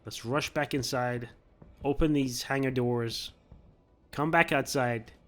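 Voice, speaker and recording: A man's voice: mid-range voice, fairly even intonation, takes it slowly, fairly bright tone. A man hosting a gameplay video, talking himself through careful moves in casual commentary and chuckling now and then.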